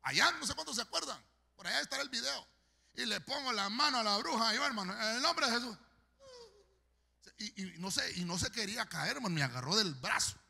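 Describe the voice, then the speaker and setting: A man's voice: high voice, lively intonation, quick pace, vocal fry, pushed and bright, husky, long reverb tail. A man preaching a sermon as pastor, fervent and storytelling, addressing the congregation directly. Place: large church hall.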